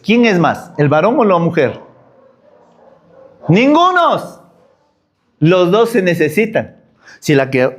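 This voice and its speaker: A man preaching a sermon as pastor, full of rhetorical questions. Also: fairly high pitch.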